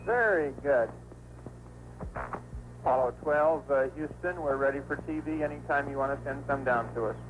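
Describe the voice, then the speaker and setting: A man's voice: medium pitch, normal speed, long pauses. Man on a crackly mission radio link. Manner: brief, businesslike. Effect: crackly space radio transmission. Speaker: ground controller. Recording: tinny, noisy archival radio link.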